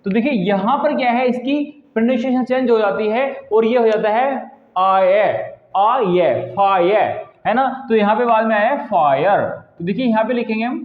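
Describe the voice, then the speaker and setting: A man's voice: extremely high pitch, a little fast, few pauses. A man teaching a lesson to camera in a patient manner, often tagging his sentences with a checking "right?". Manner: patient, repeats "ठीक है ना" as a filler tag. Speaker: English teacher. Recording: echoey room, tinny phone-like sound.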